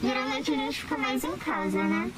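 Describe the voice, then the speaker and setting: Distorted disguised female voice, loud noise. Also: high voice, animated, moderate pace. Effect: voice disguised with a distortion effect. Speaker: anonymous interviewee in a news report. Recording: news clip with loud background noise.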